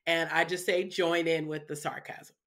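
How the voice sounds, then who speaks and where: A woman's voice: deep voice, little pitch movement, normal speed, fairly bright tone. A woman talking as a guest in a casual interview, chatty and loose, often tagging her sentences with little asides. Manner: chatty, peppers speech with "you know" and "right". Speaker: guest, parenting speaker.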